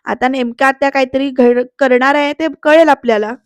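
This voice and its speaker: A woman's voice: high-pitched, fairly even intonation, brisk, dry recording. A woman narrating a voice-over recap of a TV serial episode in a chatty way, often turning to address the viewers.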